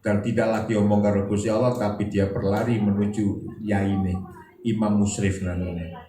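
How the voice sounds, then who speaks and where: Male preacher, low dark voice, animated storyteller; roomy hall sound, faint ambience. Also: normal speed, slight background noise. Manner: storytelling, switching into dialogue voices, rising to emphatic peaks. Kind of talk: humorous sermon. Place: event hall.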